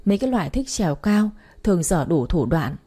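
A woman voicing a betrayed wife who shouts demands at her husband, reading a story aloud. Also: lowish voice, big pitch swings, brisk, husky. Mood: forced calm. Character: betrayed wife, furious and desperate.

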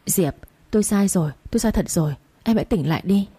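A woman's voice: mid-range voice, expressive, fast, warm tone, husky. A woman voicing a remorseful young husband who pleads desperately.

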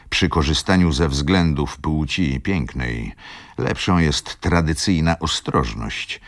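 A man's voice: rumbling low, dry recording, studio quality, full character voice. A man reading as a stern proud merchant. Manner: measured, hollow, clipped. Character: proud middle-aged merchant, stern, cold.

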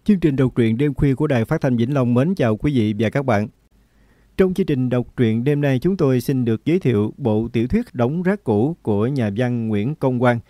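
A man's voice: mid-range voice, lively intonation, normal speed, warm tone, no room sound, clean studio sound. A formal male radio announcer. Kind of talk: formal program introduction.

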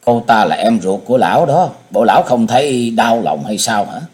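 A man's voice: mid-range voice, lively intonation, moderate pace, a little mellow, lightly acted. A man voicing a coldly indignant young swordsman in an audiobook story. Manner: cold, reproachful.

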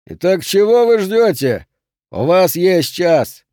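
A man doing a slow, taunting killer. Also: high voice, very animated, warm tone, dry recording, studio quality, pitched above the performer's own voice, exaggerated voice. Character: menacing male killer, mocking and cruel.

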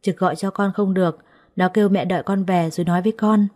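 A woman voicing an older mother-in-law who talks in a brisk, practical way in a storybook reading. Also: on the low side, steady tone, mellow, close to an everyday voice.

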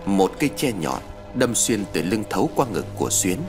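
A man narrating a ghost story in a dramatic, expressive reading. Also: lowish voice, normal speed. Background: faint background music.

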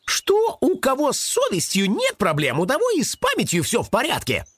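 Storybook: eager young rabbit, high and squeaky, excited, done by a male narrator. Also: moderate pace, slightly rough, dry recording, heavily acted. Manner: excited, exclamatory.

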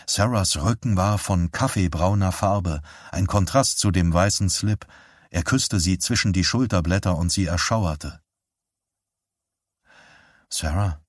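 A man narrating a novel as an audiobook in a calm, measured reading. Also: deep voice, breathy edge, no room sound, clean studio sound. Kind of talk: scripted narration.

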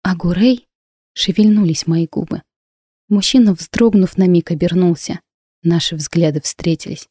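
Low dark-voiced woman narrating. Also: normal speed, breathy edge, no echo, clean studio sound. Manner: steady, expressive storytelling. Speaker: audiobook narrator. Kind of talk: first-person fantasy audiobook narration.

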